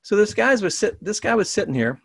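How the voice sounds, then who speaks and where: A man preaching a conversational, earnest sermon and then reading a blessing slowly. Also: sits high, very animated, creaky, fairly bright tone, husky, no room sound, clean studio sound. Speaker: pastor.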